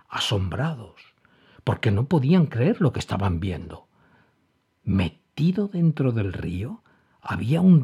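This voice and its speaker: A male storyteller reading a children's tale slowly and expressively, his pitch swinging widely. His voice is slightly husky and sits a little high. The recording sounds dull and lo-fi. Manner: expressive, animated.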